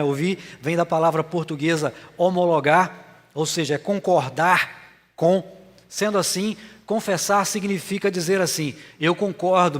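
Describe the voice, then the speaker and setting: A Brazilian man preaches a sermon with a fairly high voice, his words trailing off into a long church-hall reverb. He speaks earnestly but haltingly, pausing often to fill gaps before pressing his point. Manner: earnest, halting delivery with frequent filler pauses. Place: church sanctuary.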